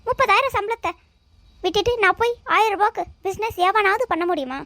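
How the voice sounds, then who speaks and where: A woman's voice: very high-pitched, quick pace, sharp tone, no room sound, pitched above the performer's own voice. A woman voicing a young married man in a cartoon, argumentative with his uncle and lecturing his wife. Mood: defensive. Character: young married man, sharp-tongued and defensive.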